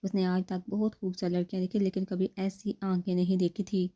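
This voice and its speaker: A woman narrating a novel in a steady, scripted reading voice. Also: fairly low pitch. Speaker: audiobook narrator.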